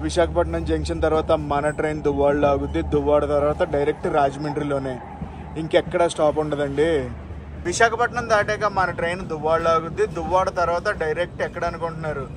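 A man's voice: fairly high pitch, steady tone, fast. Chatty man vlogging from a moving train. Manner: chatty, addresses viewers directly, points things out. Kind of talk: casual travel vlog narration. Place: on a train and station platforms, outdoors. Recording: train and station noise behind.

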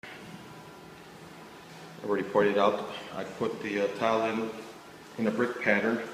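Filmed on a handheld phone, this contractor with a Chicago accent explains a factory bathroom remodel in plain, filler-heavy walkthrough talk. He speaks unhurriedly in a lowish, slightly bright voice that barely moves in pitch. The big unfinished room echoes, and a little hiss or hum runs underneath.

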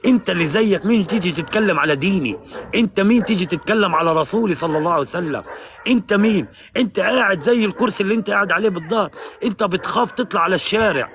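A man's voice: high-pitched, very fast, fairly bright tone. A man in a heated live-stream debate, pressing the same challenge again and again and talking over the other speaker. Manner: insistent, repeats challenges, talks over the other.

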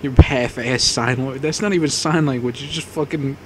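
A man narrates a visual novel between crude jokes, laughing easily at his own lines. His voice sits at a middle pitch, and a faint hiss of background noise runs under it. He talks into a wireless mic. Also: fairly even intonation, brisk. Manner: crude, joking, laughs often. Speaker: let's play host reading game text aloud. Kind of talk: casual gaming banter.

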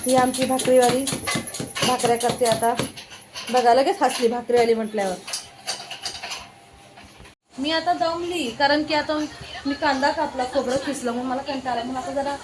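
Chatty high-voiced village vlogger. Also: female voice, steady tone, moderate pace, long pauses, noisy background. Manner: chatty, showing family around home. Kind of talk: casual village vlog narration. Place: rural home outdoors.

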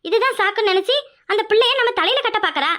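A woman's voice: very high voice, expressive, fast, pushed and bright, exaggerated voice. A woman voicing a scheming, meddling older sister-in-law with a sneering, suspicious way of talking and a Kanyakumari Tamil accent.

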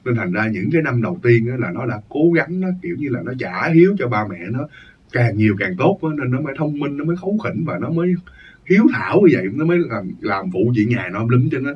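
A man telling a ghost story casually, rambling and circling back over his words. His voice is husky. The recording is dull and lo-fi, with the mic some distance away. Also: mid-range voice, very animated, fast talker. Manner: rambling, repeats phrases, emphatic.

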